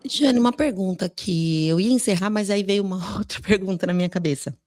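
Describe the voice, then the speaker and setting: A woman hosting a true-crime podcast, asking gentle, slow questions in an emotional interview. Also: mid-range voice, no echo, clean studio sound. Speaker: podcast host.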